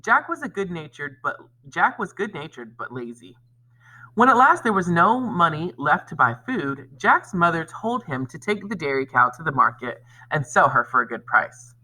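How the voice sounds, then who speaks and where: A male elementary school teacher gives a lesson and reads aloud to children, speaking expressively and directly to his pupils. His pitch roams freely and his tone is bright and forward. The audio quality is poor.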